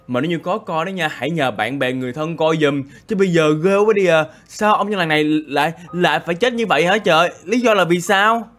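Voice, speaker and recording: A man giving animated, exclaiming horror game commentary straight to his viewers. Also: a little high. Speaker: gaming YouTuber.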